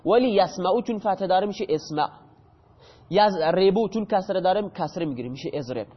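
High-voiced man teaching in an echoey hall. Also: lively intonation, slightly rough. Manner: explains step by step, quizzes students with questions. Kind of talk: classroom grammar lesson. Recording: dull audio with long hall reverb.

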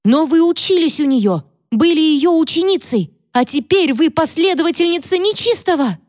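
A woman voicing a frightened young maidservant who pleads tearfully and breaks into shrill accusations. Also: animated, normal speed, darkish tone, dry recording, studio quality. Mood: hysterical, accusing.

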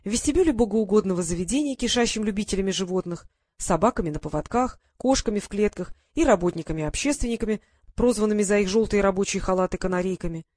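A woman reads audiobook narration from a script in an even, measured way. Her mid-range voice is recorded dry, with studio quality.

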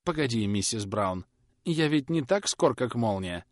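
A man's voice: mid-range voice, expressive, a little slow, no room sound, studio quality, lightly acted. A man playing a nervous young knife-grinder who pleads and dodges questions in a storybook reading. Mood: evasive. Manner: whining, pleading.

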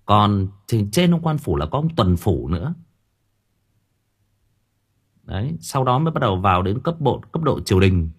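A man's voice: lowish voice, big pitch swings, normal speed, pauses often, husky. A man chatting casually with his audience on a livestream, rambling with frequent hesitations and repeated words. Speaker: audiobook reader chatting with listeners on a livestream.

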